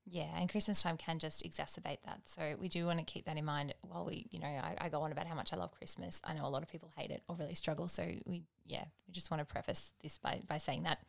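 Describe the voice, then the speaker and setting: A young woman co-hosting a relaxed podcast, chatty and quick to laugh. Her voice sits a little low for a woman, and she moves easily between reading out figures and joking. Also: gravelly. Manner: chatty, laughs often, reads out survey figures. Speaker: podcast co-host. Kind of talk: casual chat.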